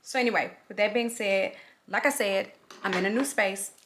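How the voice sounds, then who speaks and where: Casting: middle-aged woman, casual beauty vlogger, forceful bright voice, talks around a swollen lip, rambling and chatty. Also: mid-range voice, moderate pace, a little hiss or hum. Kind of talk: casual chatty get-ready-with-me vlog.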